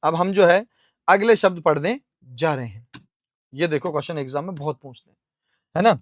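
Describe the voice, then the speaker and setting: A young man with an Indian accent teaching an English vocabulary lesson, explaining each answer step by step, asking and answering his own questions and spelling words out slowly letter by letter. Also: a little high.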